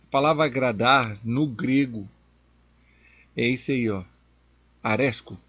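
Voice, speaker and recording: A man teaching from the Bible as a deacon, speaking slowly and emphatically and pushing his voice up on key words. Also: medium pitch, a bit bright, no room sound, highs cut off. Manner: slow, emphatic, rising sharply on key words.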